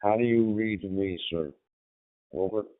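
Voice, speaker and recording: A man's voice: fairly low pitch, measured pace. An American man speaking courteously as an amateur radio operator, using formal call procedure over a radio link. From United States, Pennsylvania. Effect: radio transmission. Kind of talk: ham radio contact. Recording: narrow tinny two-way radio audio.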